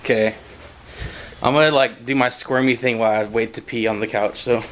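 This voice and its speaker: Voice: mid-range voice, steady tone, brisk, slight background noise. A vlogger chatting casually and trading playful, argumentative banter. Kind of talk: casual vlog chat.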